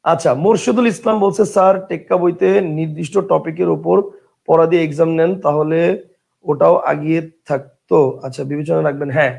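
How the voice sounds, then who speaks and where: A man's voice: fairly high pitch, fairly even intonation, fairly quick, gravelly, a little mellow. A man teaching an online grammar class, repeating key phrases, quizzing students and reading out viewer comments.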